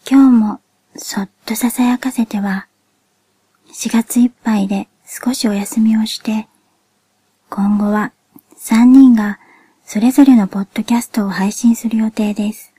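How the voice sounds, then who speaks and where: A woman podcast host speaking a soft, whispered monologue in a cute, childlike anime-like voice, gently and politely. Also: fairly high pitch, fairly even intonation, breathy edge, no room sound. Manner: gentle, polite, measured delivery.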